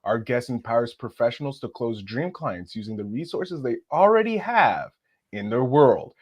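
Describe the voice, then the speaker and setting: A man's voice: medium pitch, lively intonation, normal speed, a little mellow, highs cut off. A male podcast host with a mid-range voice speaks in grandiose, enthusiastic phrasing. He reads his introduction as a showy script, then moves into the interview questions.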